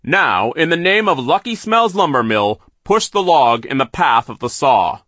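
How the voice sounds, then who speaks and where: Villainous male foreman, sneering and unhurried, loud and pitched up; voiced by the male narrator. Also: big pitch swings, no echo, clean studio sound, full character voice. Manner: slow, mocking, drawn-out. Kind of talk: audiobook character voice.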